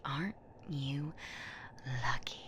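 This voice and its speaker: Pitched low over background noise, a woman voices an ancient female boogeywoman in a horror roleplay audio drama. Her delivery is slow, teasing and menacing, all breathy whispers and stretched-out words, predatory and sweetly possessive.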